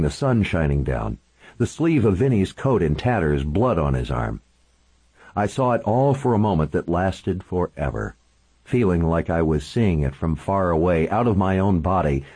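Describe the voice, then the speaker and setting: A man narrating a first-person audiobook with a very deep, dark and husky voice. His delivery is intense and dramatic, rising and falling widely in pitch. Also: poor audio.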